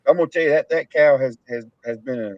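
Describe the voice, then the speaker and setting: A man's voice: medium pitch, fast talker, dry recording. Texan man, cattle farmer hosting a live chat, rambling laughing storyteller, muffled lo-fi sound, dry. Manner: rambling, laughing storyteller with rural Southern grammar. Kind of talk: casual chat on a live stream. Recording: dull, dry lo-fi stream audio.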